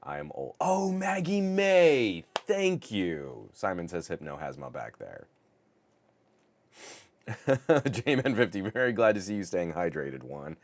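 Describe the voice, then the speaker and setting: Hosting a live tech podcast while sounding sick, this middle-aged man speaks slowly in a low, scratchy voice. His casual stream chat is excitable and exaggerated, broken up by stammering restarts.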